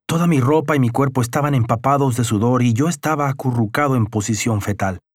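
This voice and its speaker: A man narrating an audiobook in the first person, with a measured, somber telling. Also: medium pitch, dry recording, clean studio sound.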